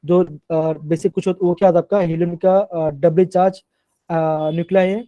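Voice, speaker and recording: Male teacher, live class, quizzes and repeats, mellow tone, dry sound. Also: high voice, fairly even intonation, moderate pace, dry recording. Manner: asks and repeats questions.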